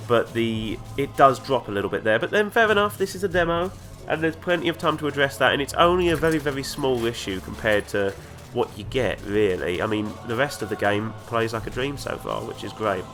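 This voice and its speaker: A man with a congested, nasal voice from the flu talks in a relaxed, rambling way while he plays. He sounds enthusiastic at a medium pitch, with clear game music running beneath his commentary. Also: fairly quick, few pauses. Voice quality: nasal from a cold. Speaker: gaming video host. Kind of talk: let's play commentary. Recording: game music playing underneath.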